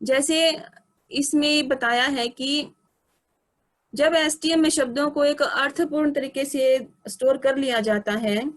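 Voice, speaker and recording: A woman teaching a lesson, explaining slowly and deliberately through lists of examples. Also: sits high. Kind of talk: explanatory lecture.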